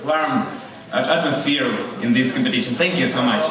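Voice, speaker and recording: A man's voice: medium pitch, normal speed, recorded from a distance. Hesitant man in an echoing hall. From Russia. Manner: hesitant, joking, many fillers. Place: large hall at opening ceremony. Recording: echoey hall, crowd behind.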